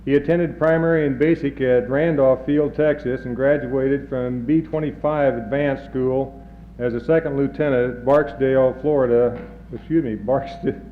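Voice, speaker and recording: A man, a second in command, reading out a colleague's career history at a retirement party with light asides, heard on old worn reel-to-reel tape. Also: medium pitch. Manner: steady, slightly self-correcting, light asides. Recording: dull worn 1970s tape with faint noise.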